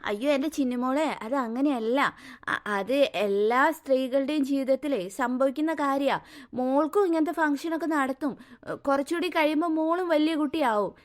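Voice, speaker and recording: A woman voicing a gentle, patient cartoon mother who soothes and explains things to her daughter. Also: high voice, brisk, lightly acted. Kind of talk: cartoon voice acting.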